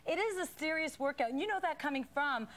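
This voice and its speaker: A woman's voice: sits high, lively intonation, fast, fairly bright tone. A woman speaking as a home shopping host, chatty, upbeat and enthusing as she presents.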